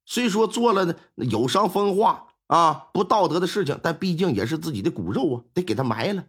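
A male storyteller voicing a calm middle-aged father who explains things in a low, drawn-out voice. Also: husky, exaggerated voice. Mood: explaining. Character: old man, a scoundrel's father, calm explainer.

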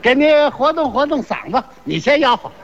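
High-pitched crosstalk straight man. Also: very animated, normal speed, a bit bright, slight background noise. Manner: teasing retorts, sing-song hawking calls. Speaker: crosstalk performer. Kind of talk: comic crosstalk dialogue with vendor cries. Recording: dull lo-fi recording.

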